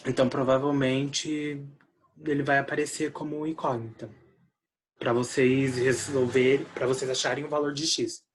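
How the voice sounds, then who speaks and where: Brazilian guy teaching math on a laggy video call, husky voice, audio keeps freezing and cutting out. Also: mid-range voice. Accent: Brazilian Portuguese. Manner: relaxed, explains slowly, often says "daí". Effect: choppy, cutting-out video call audio. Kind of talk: online class explanation.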